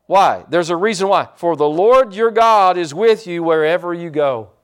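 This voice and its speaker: A middle-aged man preaching a sermon as pastor, fervent and halting, repeating words and building to loud emphatic peaks. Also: sits high, expressive, smooth.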